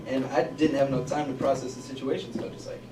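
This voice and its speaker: A man from Alabama performing a stand-up comedy set, telling a rambling story in a deadpan way. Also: medium pitch, fast talker, music in the background. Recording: echoey distant club recording with noise.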